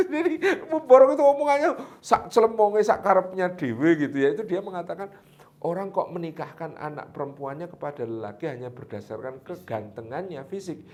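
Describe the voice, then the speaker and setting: A man telling a religious tale in a relaxed, animated chat. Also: on the high side. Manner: lively, animated, laughs at his own story. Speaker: religious storyteller. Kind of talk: casual storytelling chat.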